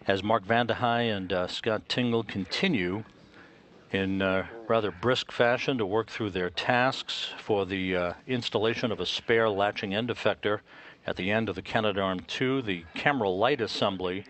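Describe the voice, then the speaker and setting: A man giving live mission control commentary in a measured, formal manner, pausing often to find his words. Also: fairly low pitch, fairly bright tone. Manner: measured, formal, with frequent hesitations.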